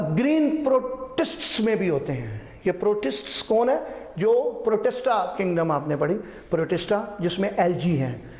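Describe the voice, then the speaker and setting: High-voiced teacher lecturing in an echoey room. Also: male voice, a little mellow. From Pakistan. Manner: repeats terms, checks in with "ठीक है"; mixes English terms into Urdu. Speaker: science teacher. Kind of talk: classroom biology lecture.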